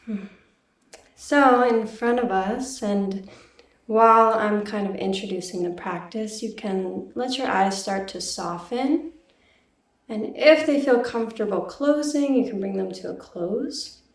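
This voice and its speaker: Woman meditation guide, slightly gravelly, recorded in an echoey room off the mic. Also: medium pitch, far from the mic. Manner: slow, gentle instructions. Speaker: guest meditation teacher.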